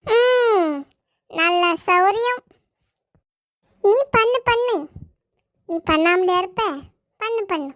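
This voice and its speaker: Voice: very high voice, very slow, pauses often, a bit bright, dry recording, heavily acted. A performer voicing a teasing, bossy girl in a family comedy cartoon, explaining things matter-of-factly and giving orders. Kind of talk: family comedy skit dialogue.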